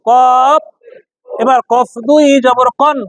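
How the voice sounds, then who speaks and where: Man, Quran reading teacher, classroom drill, repetitive call-and-response, very high-pitched voice. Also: steady tone, dry recording. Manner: repetitive, calls out questions, drawn-out chanting of letter names.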